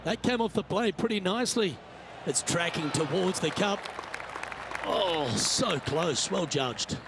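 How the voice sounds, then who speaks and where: A man's voice: high-pitched, lively intonation, measured pace, gravelly, a crowd in the background, noisy background, heavily acted. A man playing a golf broadcast lead commentator in a video game, reacting to shots in short phrases. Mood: engaged.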